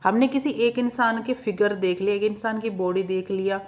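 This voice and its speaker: A woman's voice: medium pitch, fairly even intonation, moderate pace, darkish tone. A young woman from Haryana with a Haryanvi accent, talking bluntly to camera in a casual monologue and laughing at her own jabs. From Haryana, India. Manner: blunt and outspoken, mixing Hindi with English words and laughing at her own jabs. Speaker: vlogger.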